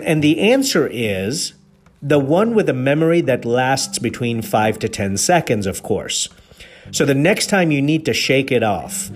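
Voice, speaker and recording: With a medium-pitched, breathy-edged voice, this Kenyan podcast host preaches earnestly about leadership. His motivational talk is loaded with rhetorical questions.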